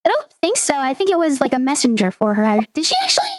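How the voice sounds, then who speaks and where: A woman's voice: high voice, wildly swooping pitch, quick pace, no echo, studio quality. A woman game master narrating a tabletop roleplaying game in a descriptive, scene-setting way.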